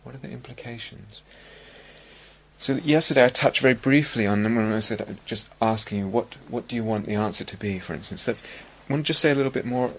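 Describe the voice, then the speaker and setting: A middle-aged man with an English accent giving a dharma talk as a meditation teacher, speaking in a reflective, halting way with many restarts. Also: medium pitch, a bit bright. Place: meditation hall at a retreat centre.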